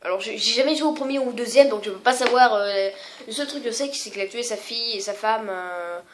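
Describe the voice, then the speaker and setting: Une femme qui présente ses jeux vidéo sur un ton décontracté, en hésitant souvent et en se moquant d'elle-même. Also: female voice, a little high, fairly quick, noisy background. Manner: rambling, many fillers and self-mocking asides. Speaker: gaming vlogger. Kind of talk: casual video game showcase.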